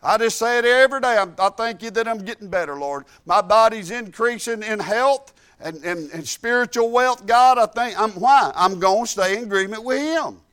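A man's voice: high voice, expressive, moderate pace, few pauses, fairly bright tone, clear, resonant tone. A middle-aged man giving a fervent, folksy church testimony, peppering his talk with hallelujahs. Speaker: church speaker. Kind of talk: sermon testimony.

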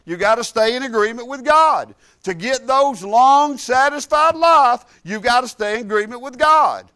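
A man's voice: very high-pitched, animated, normal speed, bright, forceful tone. A middle-aged man giving a fervent, folksy church testimony, peppering his talk with hallelujahs. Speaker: church speaker. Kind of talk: sermon testimony.

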